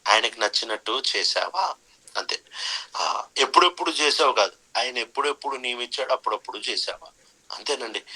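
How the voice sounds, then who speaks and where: Male preacher, emphatic sermon delivery, bright and cutting tone, repeats his points. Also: on the low side, slightly rough, low-quality recording. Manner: emphatic, repeats key phrases, mixes in English phrases.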